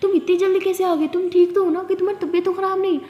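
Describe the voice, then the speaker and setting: A woman's voice: extremely high pitch, flat delivery, fast talker, dull audio, voice pushed up. A woman voicing a doting young woman who coaxes and teases her partner. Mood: worried. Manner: coaxing, teasing. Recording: echoey room with long reverb.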